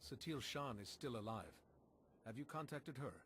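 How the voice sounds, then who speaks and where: Man playing a calm, earnest commander. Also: mid-range voice, normal speed, slight background noise, lightly acted. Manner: calm, polite, plainspoken. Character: steady, earnest male commander and hero. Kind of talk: video game cutscene acting.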